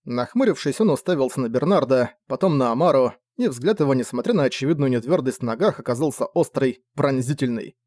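A man narrating a fantasy audiobook with expressive storytelling. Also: medium pitch, fairly quick, few pauses, dry recording, studio quality.

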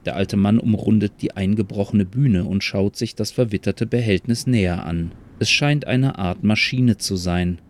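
A man telling a scripted story in a calm, measured way. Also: on the low side. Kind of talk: scripted story narration with character voices.

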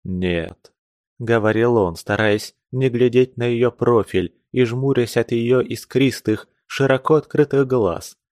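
A man narrating a classic novel in a steady, measured reading. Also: medium pitch, no echo, studio quality. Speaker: reader.

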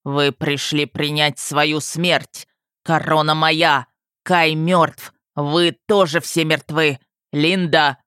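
A woman voicing a menacing, rotting undead dragon who is the narrator's father, slow and gloating, in an audiobook. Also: sits low, little pitch movement, fairly bright tone, smooth, no room sound, studio quality.

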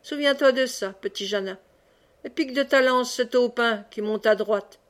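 A woman's voice: fairly high pitch, normal speed, natural voice. A woman reading the part of a merry, chatty old friar who brawls and banters, in an audiobook. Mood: jovial. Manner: merry, rambling, teasing.

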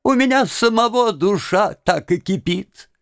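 A man's voice: high-pitched, expressive, a little slow, a bit bright, no echo, clean studio sound, pitched above the performer's own voice, full character voice. A man voicing a chatty, smug jailer who boasts and talks down as if to a child. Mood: cloying. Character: chatty, smug, cloying male jailer-executioner.

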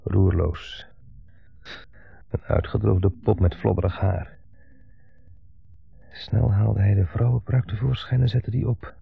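A brooding, gravelly son. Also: male voice, on the low side, steady tone, takes it slowly, pauses often, faint music behind, heavily acted. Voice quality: gravelly, husky. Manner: brooding, intense monologue. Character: grown son, bitter, dominated by his mother. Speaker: son caring for his mother. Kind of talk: 1970s radio play monologue. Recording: dull 1970s radio broadcast.

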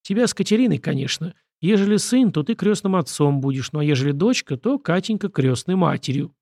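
A man's voice: on the high side, a little fast, vocal fry, no echo, clean studio sound. A man reading the part of a blunt, impulsive army major and husband. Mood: excitable. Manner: blunt, excitable.

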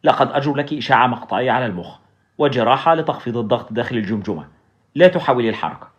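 A man's voice: mid-range voice, rapid-fire, natural voice. A man reading as a courteous young doctor. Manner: polite, calm. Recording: dull lo-fi recording.

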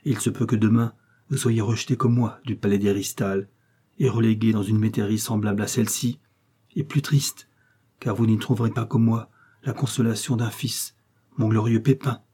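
A man's voice: fairly low pitch, steady tone, normal speed, dark tone, husky. A man reading aloud, voicing a proud, jealous exiled queen who speaks brusquely and haughtily. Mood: haughty.

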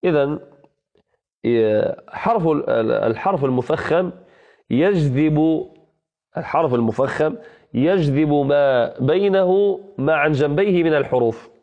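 A man teaching recitation rules in a gravelly voice, patiently repeating key phrases and demonstrating pronunciation. He answers student questions one by one. The audio is dull and lo-fi, like an online class. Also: on the high side, animated, measured pace, pauses often.

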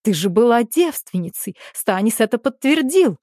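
A woman voicing an indignant middle-aged aunt who pleads and accuses loudly. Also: on the high side, big pitch swings, normal speed, dry recording, studio quality, voice pushed up. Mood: accusing.

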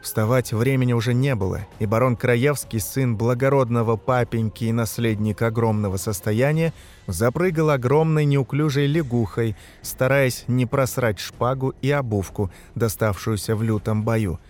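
A man reading a dark fantasy novel aloud as narrator, shouting the characters' lines in the battle scenes. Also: medium pitch, steady tone, moderate pace, soft background music. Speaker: audiobook narrator. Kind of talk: scripted narration.

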